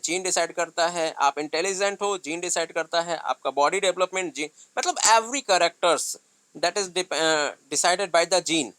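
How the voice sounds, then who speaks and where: A man's voice: high voice, a bit bright, clean tone, dry recording. A man teaching biology in an online lecture, mixing English terms into his explanations and asking questions he answers himself. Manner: asks questions and answers them himself, often says "thik hai"; mixes English terms into Hindi.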